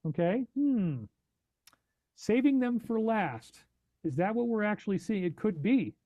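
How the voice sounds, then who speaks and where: A man hosting a live podcast stream, reacting to news and chat with animated, incredulous questions. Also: sits high, dry recording, clean studio sound. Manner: reads chat donations aloud. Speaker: podcast host.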